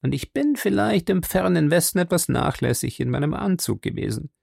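A man's voice: a little high, lively intonation, a little fast, gravelly, darkish tone, dry recording, clean studio sound, voice pushed up, full character voice. A man reading an audiobook, voicing a plain-spoken, somewhat impatient young baronet who talks in a colloquial way. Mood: complaining. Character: blunt, outspoken young male baronet raised abroad.

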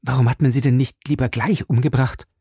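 A man's voice: medium pitch, fairly even intonation, fairly quick, dark tone, breathy edge, dry recording, clean studio sound, close to an everyday voice. A male audiobook narrator reading the lines of an appalled young woman. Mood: horrified. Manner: appalled, exclaiming. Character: horrified young woman visitor.

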